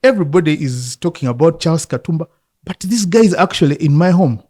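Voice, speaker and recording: A man from Uganda in his fifties, a football coach, telling his life story in a relaxed interview, reflective and often laughing. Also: on the high side, fast. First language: Luganda.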